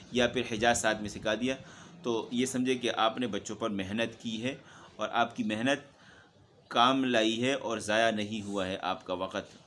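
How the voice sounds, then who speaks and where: A man's voice: medium pitch, slight background noise. Man explaining Quran recitation teaching. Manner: steady explaining, frequent "theek hai" check-ins. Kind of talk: instructional talk to teachers.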